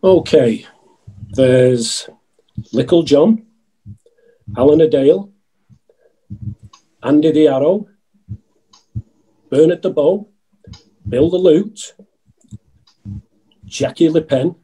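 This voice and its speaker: Man acting genial pantomime outlaw, earnest, husky, mellow. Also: on the high side, slow pace, pauses often, poor audio. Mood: matter-of-fact.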